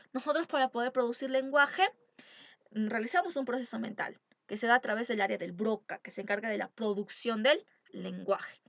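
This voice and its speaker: A woman's voice: fairly high pitch, creaky, a bit bright, dry recording. A woman teacher giving an exam-prep lecture, stressing key terms and asking rhetorical questions. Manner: emphatic, asks rhetorical questions.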